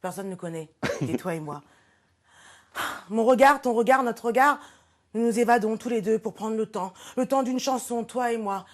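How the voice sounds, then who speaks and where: A woman's voice: medium pitch, a little fast, darkish tone. A woman who is a regular on the show, giving a playful, theatrical comic tribute to a guest. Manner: playful, theatrical, self-mocking. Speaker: regular portrait presenter. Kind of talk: comic scripted tribute monologue.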